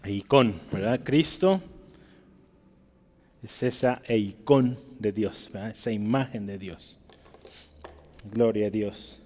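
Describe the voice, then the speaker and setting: Speaking slowly with frequent pauses and a warm tone, a man with a Mexican Spanish accent preaches a sermon in a church hall, where a long reverb trails his words. He reads scripture aloud, his pitch and volume climbing sharply on the verses, and keeps asking listeners "¿verdad?" to draw their agreement.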